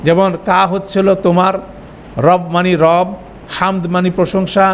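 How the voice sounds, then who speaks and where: A man's voice: high voice, monotone, normal speed, slight background noise. A man teaching Arabic grammar in a classroom lecture, explaining step by step and checking that students follow.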